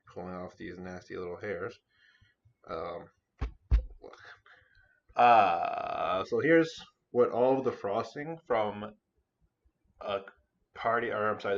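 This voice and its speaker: A man's voice: fairly low pitch, fairly bright tone, muffled recording. A man vlogging casually at home, rambling and swearing while he talks to viewers as he works with food. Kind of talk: casual vlog commentary while cooking. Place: home room with cat hair around.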